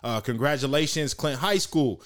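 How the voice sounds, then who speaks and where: A man co-hosting a casual sports podcast, talking with many hesitations and getting excited and slangy. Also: medium pitch, normal speed. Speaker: podcast co-host.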